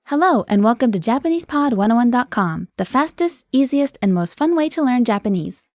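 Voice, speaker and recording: Woman, podcast lesson host, fairly high voice, animated, dry close sound. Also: fairly quick, dry recording. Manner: upbeat, explanatory.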